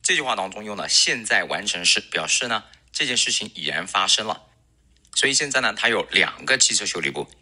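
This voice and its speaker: Man, native Chinese speaker, English pronunciation lesson, expressive sing-song pitch, crisp bright tone. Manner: explains slowly, models English words with drawn-out repetition. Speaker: English teacher.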